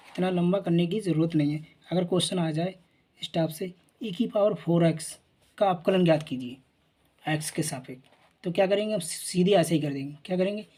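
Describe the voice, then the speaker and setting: A male teacher walks through a math lesson in a husky, slightly breathy voice. His tone is mellow and dark, and he keeps checking in with listeners as he works. He asks himself questions and answers them in a patient, repetitive rhythm. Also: fairly high pitch. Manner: repeats "theek hai na", asks and answers his own questions. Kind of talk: explaining at a board.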